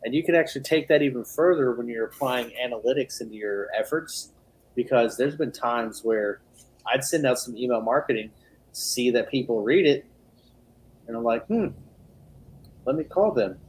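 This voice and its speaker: A man chatting casually on a podcast as a business owner, relaxed, acting out sales calls in quick asides. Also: mid-range voice, a little hiss or hum, rough recording.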